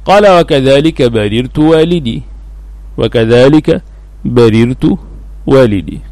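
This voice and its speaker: Male sheikh, lesson reader; measured, unhurried, repeats key words; mid-pitched, dry. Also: animated, darkish tone, dry recording. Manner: deliberate, repeats words slowly for emphasis. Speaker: sheikh teaching a text. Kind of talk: recorded lesson explaining a classical text.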